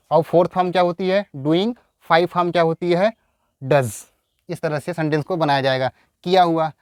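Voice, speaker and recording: A man with a Hindi accent teaching an English lesson, dictating slowly and repeating each example sentence. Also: on the high side, clean tone, no echo, clean studio sound.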